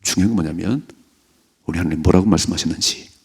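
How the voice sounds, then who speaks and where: Gravelly husky-voiced male pastor. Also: deep voice, fast. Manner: animated storytelling, acting out characters' lines. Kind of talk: early-morning prayer sermon.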